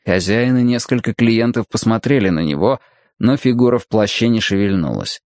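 A man's voice: on the low side, normal speed, darkish tone, no room sound. Man narrating an audiobook. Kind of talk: scripted narration.

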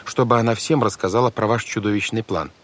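A man's voice: fairly low pitch, quick pace, natural voice. A man voicing an indignant, determined girl. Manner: indignant, firm protesting.

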